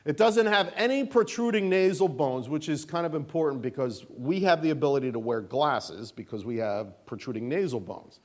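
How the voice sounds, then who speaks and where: High-pitched guy teaching sunday school, animated and sarcastic, lots of uhs. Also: normal speed, hardly any pauses. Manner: animated, folksy and sarcastic, with many fillers. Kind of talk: casual classroom lecture. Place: church classroom.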